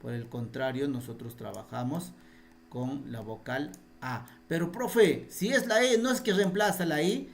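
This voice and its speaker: Slightly high, a little slow and gravelly, this man's voice carries a Quechua spelling lesson given in Peruvian Spanish via video call. He quizzes his students and repeats explanations with patience.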